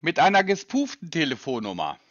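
Man, high lively voice, bright and dry, dull lo-fi sound, pedantic and sarcastic on the phone. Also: brisk, no room sound. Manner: insistent, pedantic and sarcastic questioning. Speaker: person being called by a sales agent. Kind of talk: phone call argument.

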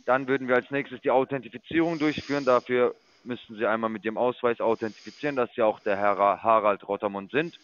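A man making a sales call in a mid-pitched voice, talking down to the other person. He lectures and steers the talk back to business. The line sounds dull and lo-fi. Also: fairly even intonation, fast talker, few pauses, fairly bright tone, clear, resonant tone. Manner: condescending, lecturing. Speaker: investment sales caller.

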